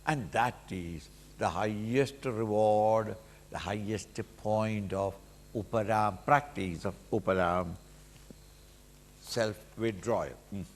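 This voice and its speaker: A man's voice: lowish voice, takes it slowly. A man with an Indian accent giving a dramatic spiritual discourse as a teacher, emphatic and full of rhetorical questions. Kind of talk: animated sermon with acted-out examples. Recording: reverberant hall with long echo.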